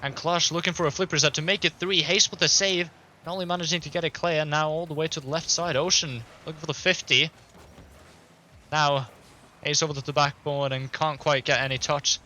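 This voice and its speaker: A man doing fast, excited play-by-play commentary as an esports caster. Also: on the high side. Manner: quick, excited play-by-play, laughs easily.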